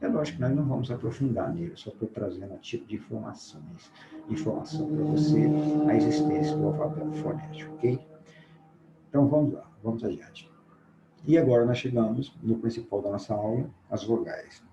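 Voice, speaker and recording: A male teacher with a Brazilian Portuguese accent giving a recorded class, patiently explaining and sounding out letters slowly to demonstrate. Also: medium pitch, creaky, roomy sound, highs cut off, noisy background.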